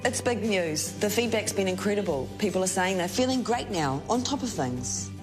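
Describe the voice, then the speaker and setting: A woman's voice: mid-range voice, animated, normal speed, over music. A woman presenting a scripted TV commercial in an upbeat, persuasive manner. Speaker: ad presenter as health expert.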